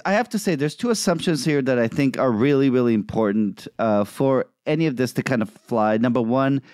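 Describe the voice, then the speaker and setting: A man's voice: medium pitch, darkish tone, no echo. Thoughtful man in a dry, close recording. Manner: measured, thoughtful, with restarts. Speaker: podcast co-host. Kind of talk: podcast discussion.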